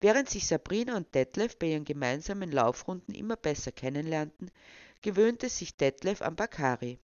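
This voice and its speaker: A storyteller reading a short story aloud in an even, measured way. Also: mid-range voice, no room sound. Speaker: narrator. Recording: dull, dry recording.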